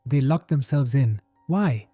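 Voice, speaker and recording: A man's voice: medium pitch, expressive, a little slow, husky, dry recording, soft background music. A man voicing a frightened woman biologist. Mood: uneasy. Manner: hushed, trembling whisper. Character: tense female biologist, calm but frightened.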